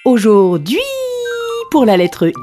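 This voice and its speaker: A woman's voice: mid-range voice, expressive, slow, music in the background. A woman hosting a podcast, chatting casually with playful, bouncy, sing-song greetings to listeners. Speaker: podcast host.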